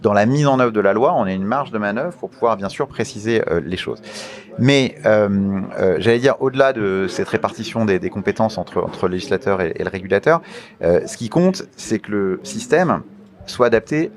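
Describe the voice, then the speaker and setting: Answering radio interview questions, a French-accented man speaks at normal speed in an animated voice on the low side. As a media regulator official, he explains things in a formal, institutional manner, groping for phrasing with repeated words.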